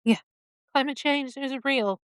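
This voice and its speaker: A woman co-hosting a casual podcast, reading out news stories in a halting way with pauses and fillers. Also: high voice, fairly bright tone, no echo. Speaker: podcast co-host.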